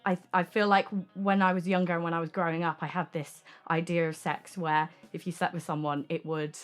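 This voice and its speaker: A young adult woman, interviewed as an artist, talks frankly and casually, peppering her speech with "like" and "um." Her voice is on the low side, fairly flat in pitch, and brisk. Music plays behind her.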